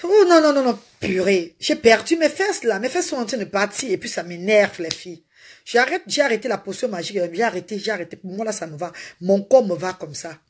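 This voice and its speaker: A woman's voice: medium pitch, animated, a little fast, breathy edge. A woman hosting a casual live stream, talking animatedly and repetitively to her viewers and greeting them by name. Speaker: live-stream host selling a slimming potion.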